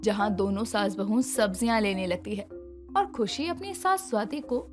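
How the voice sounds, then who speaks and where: A woman narrating a moral story in a scripted, expressive way. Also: medium pitch, normal speed. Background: background music.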